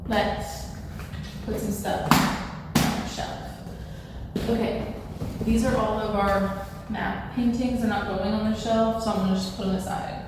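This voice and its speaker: A woman's voice: medium pitch, fairly even intonation, measured pace. A woman chatting casually and self-deprecatingly to camera while she does chores, in an empty, echoey apartment room. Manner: informal, self-deprecating, talking through chores. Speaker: vlogger. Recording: very echoey room, distant mic, background noise.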